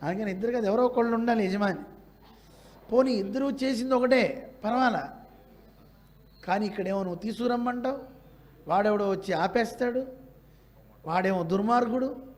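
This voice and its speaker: A man delivers a devotional sermon to a gathering, his voice sitting high for a man. He tells a sacred story in an animated way. He acts out the dialogue in several voices as he goes. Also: moderate pace, long pauses. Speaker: religious teacher. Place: religious gathering.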